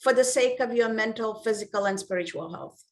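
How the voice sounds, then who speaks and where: Higher-pitched woman hosting a video panel. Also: brisk. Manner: inviting, asks guests to share. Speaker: host. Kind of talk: online panel discussion.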